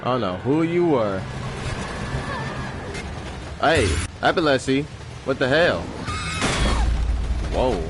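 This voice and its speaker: Man, gaming host, casual joking commentary, mid pitch, faint music behind. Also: expressive, slow pace, long pauses. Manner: loose, joking reactions. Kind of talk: casual let's-play commentary.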